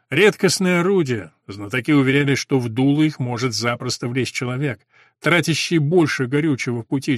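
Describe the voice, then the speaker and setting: Male audiobook reader, mid pitch, steady literary narration, dry close sound. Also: no echo.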